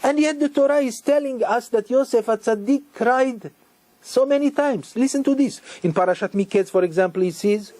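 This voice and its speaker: A man giving a sermon as a rabbi, speaking with emphatic repetitions and halting restarts. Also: very high voice, darkish tone, dry recording.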